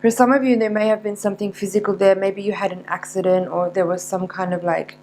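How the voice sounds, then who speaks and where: A woman giving a mystical horoscope tarot reading, unscripted, in a searching, halting manner with repeated words. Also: medium pitch, fairly even intonation, a little mellow. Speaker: tarot reader.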